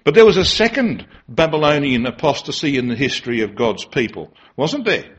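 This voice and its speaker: A man's voice: medium pitch, very animated, a little fast, slightly rough. A man preaching a sermon to a congregation. He speaks emphatically and keeps asking rhetorical tag questions. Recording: dull lo-fi recording.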